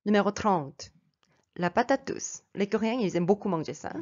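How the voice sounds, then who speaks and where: A woman teaching a vocabulary lesson, patiently explaining pronunciation step by step and repeating each word slowly. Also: mid-range voice, lively intonation, a little mellow. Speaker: language teacher. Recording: dull lo-fi sound.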